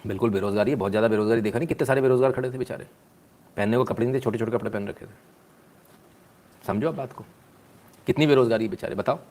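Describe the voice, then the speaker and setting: A man's voice: mid-range voice, racing, long pauses, a little mellow. A man, giving sarcastic live news commentary, mocking and scolding the people in the clips and answering viewer comments.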